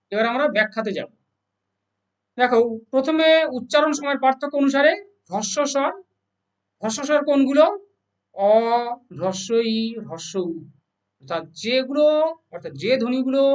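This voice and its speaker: A grammar teacher gives an exam-prep lesson, asking questions, answering them, and repeating each definition slowly. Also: mid-range voice. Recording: voice a little far from the mic.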